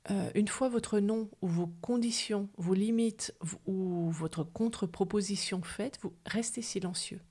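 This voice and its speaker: A woman hosting a podcast, giving calm, measured advice in a partly read talk, softly spoken in places. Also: medium pitch. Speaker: podcast host.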